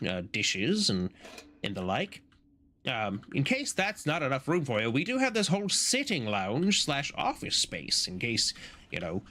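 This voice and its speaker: A man's voice: mid-range voice, bright, forceful tone. A man streaming a game, chatting casually, rambling and joking with the odd swear. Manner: rambling, jokey, swears, laughs. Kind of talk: casual gameplay commentary.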